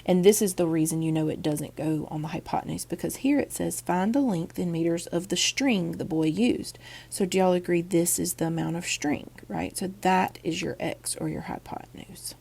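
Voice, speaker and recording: A woman's voice: fairly low pitch, normal speed, darkish tone. A woman teacher with a groggy voice from a cold, chatting through a math lesson with lots of ums and okays. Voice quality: gravelly, husky. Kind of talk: recorded online math lesson.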